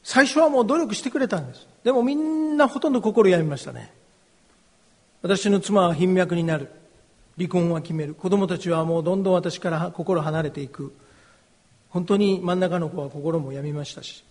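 A middle-aged man, a pastor, giving a slow and earnest personal testimony as a sermon. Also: sits high, a little mellow. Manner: slow, earnest, confessional delivery. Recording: long hall reverb.

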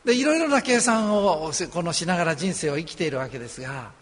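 A man from Osaka, Japan preaching a sermon as a pastor, earnest and conversational with gentle humor. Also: on the high side, expressive, quick pace. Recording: long hall reverb.

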